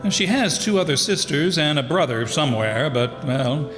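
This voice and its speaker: A fairly high-pitched, natural-sounding male voice with lively intonation and a moderate pace plays the calm, dismissive adoptive father of a wealthy young woman. In this old-time radio drama he dodges and hesitates unworriedly, with music behind him in an echoing hall.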